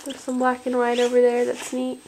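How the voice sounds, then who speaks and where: A woman talking softly to her baby as a parent, in slow, cooing, encouraging baby talk. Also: a little high, completely flat delivery, a little hiss or hum.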